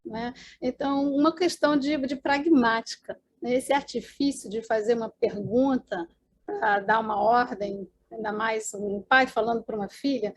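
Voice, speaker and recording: A woman's voice: on the high side, normal speed. A Brazilian woman with a Brazilian Portuguese accent giving an academic conference talk over a video call, explaining as she goes with many fillers and tag questions. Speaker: conference presenter.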